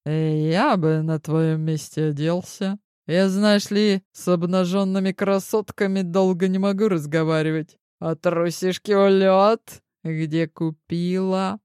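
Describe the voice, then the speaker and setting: Woman doing cocky young ex-con guy, teasing, smirking, slow, mellow low voice, dry close sound, audiobook. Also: fairly even intonation, smooth, no room sound, lightly acted. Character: cocky young male ex-convict charmer. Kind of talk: audiobook character voice.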